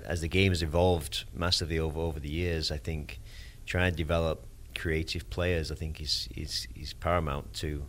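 A man with an extremely deep voice and little melodic movement. He speaks reflectively and haltingly, like a coach explaining his philosophy in an interview. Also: level tone, fairly bright tone, slight background noise. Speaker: soccer coach. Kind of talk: interview answer.

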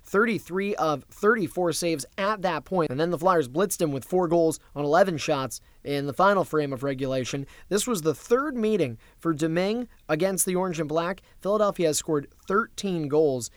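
A man's voice: on the high side, lively intonation, moderate pace, few pauses, dry recording. A man hosting a sports recap, talking through a hockey game in a conversational way.

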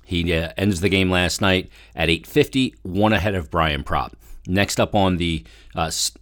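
A man's voice: low-pitched, dry recording, clean studio sound. A man hosting a sports podcast, giving conversational solo commentary and repeating phrases for emphasis.

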